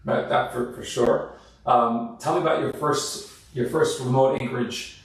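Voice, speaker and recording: A man hosting a dental podcast interview, asking questions in a relaxed way. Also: medium pitch, measured pace. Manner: relaxed, asks questions with fillers like "like". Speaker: dentist podcast host. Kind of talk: conversational interview. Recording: roomy, distant mic.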